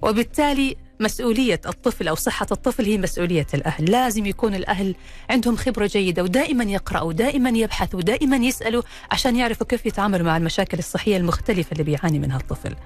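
Brisk female public radio host. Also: mid-range voice, lively intonation. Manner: articulate, structured presenting with direct address to listeners. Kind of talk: public radio host presenting a live medical call-in show.

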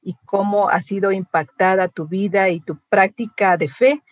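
Woman, Latin American Spanish accent, co-interviewer, thoughtful questions, mid pitch, dry sound. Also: steady tone, moderate pace, no echo.

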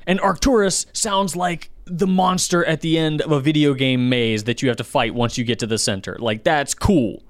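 A man co-hosting a casual podcast chat, getting animated and jumping up in pitch when excited. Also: normal speed, few pauses, no echo, clean studio sound. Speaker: podcast co-host.

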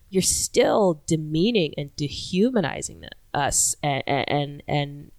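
A woman's voice: on the low side, dry recording. A woman whose first language is not English, co-hosting a casual chat and making sarcastic asides.

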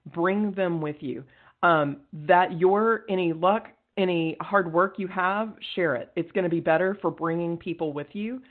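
Earnest, energetic woman podcast guest. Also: lowish voice, low-quality recording. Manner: energetic, earnest, quick to laugh. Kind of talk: casual interview conversation.

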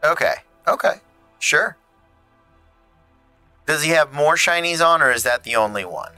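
A man's voice: fairly high pitch, expressive, unhurried, pushed and bright, no room sound, soft background music. A man narrating a tabletop game as game master, easygoing and full of restarts. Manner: loose, easygoing, many restarts.

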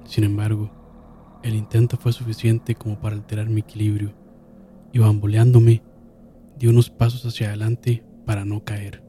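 A man narrating a horror story in a slow, solemn manner, dropping to a hush and swelling again. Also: on the low side, little pitch movement, a little hiss or hum. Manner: slow, solemn, with hushed drops and sudden swells. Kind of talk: dramatic horror story reading.

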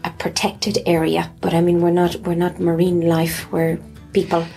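Woman, west of Ireland accent, deep gravelly fry, casual interview, opinionated, faint music behind. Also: completely flat delivery, normal speed, mellow. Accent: west of Ireland (Galway). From Galway, west of Ireland. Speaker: interview guest, conference interpreter.

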